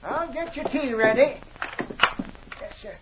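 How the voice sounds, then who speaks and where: An actor playing a friendly old backwoods prospector with folksy, rustic talk in an old radio adventure. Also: male voice, very high voice, unhurried. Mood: hospitable, folksy. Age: older. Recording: dull, noisy old radio recording.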